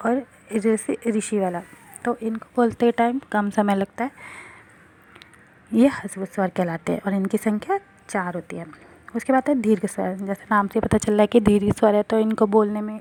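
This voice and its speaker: Woman teacher explaining grammar slowly. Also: medium pitch, a little mellow. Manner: slow, explaining, asks and answers her own questions. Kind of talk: grammar lesson for children.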